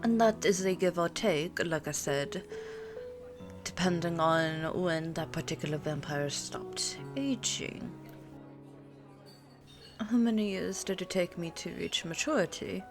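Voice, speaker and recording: In this intimate ASMR roleplay, a woman with a lowish voice plays a pure-blood vampire girlfriend who is ageless, looks twenty-nine, and is teasing and worldly. Patient and explaining, she muses unhurriedly and pauses with little hums before answering in a one-sided conversation. Soft music and cafe ambience play behind her.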